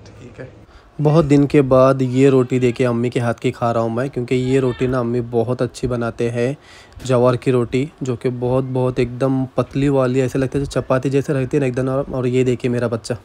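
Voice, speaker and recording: A man's voice: mid-range voice, level tone, moderate pace, warm tone. Chatty young man vlogging at home. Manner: chatty, teasing, playful with a toddler. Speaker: vlogger, husband and father. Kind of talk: casual family vlog chat.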